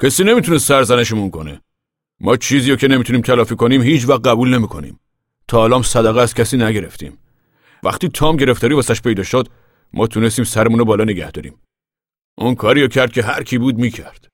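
A man's voice: medium pitch, expressive, dry recording, studio quality, pitched above the performer's own voice, natural voice. A man voicing a proud, weary farm father who speaks in an earnest, dignified, raised voice for an audiobook. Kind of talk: audiobook character voice.

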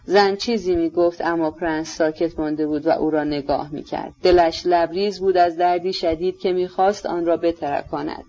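An audiobook narrator giving a steady, measured literary reading of a novel. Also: medium pitch. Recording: slightly dull lo-fi recording.

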